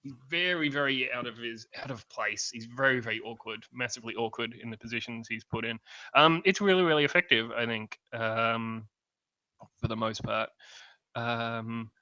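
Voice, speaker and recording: A man's voice: mid-range voice, moderate pace, pushed and bright, no room sound, highs cut off. A man, casually reviewing a film with a wry, rambling manner and many fillers. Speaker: film review podcast host.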